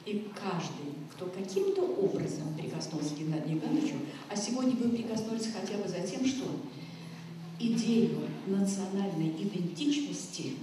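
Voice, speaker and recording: Speaking from a school hall stage, a guest speaker from Chuvashia, Russia, gives an informal, heartfelt commemorative speech, drifting between thoughts and talking straight to her audience. Her mid-range voice is animated and moderately paced. The hall is very echoey, the mic distant, with faint noise.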